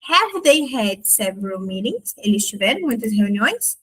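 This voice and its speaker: A woman teaching an English grammar lesson in Portuguese, chatty and often checking that the learner follows. She slows right down to say each example sentence carefully. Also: mid-range voice, very animated, bright, forceful tone, slightly rough.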